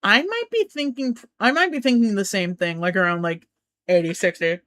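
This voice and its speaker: A woman's voice: medium pitch, normal speed, a bit bright. A woman hosting a casual stream, chatting and ranking characters, rambling, giggling and swearing freely. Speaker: streamer host.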